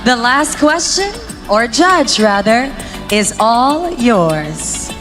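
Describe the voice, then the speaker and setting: A woman's voice: on the high side, big pitch swings, very slow. A young woman announcing on stage as a pageant host, speaking into a handheld microphone. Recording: stage microphone under loud event music.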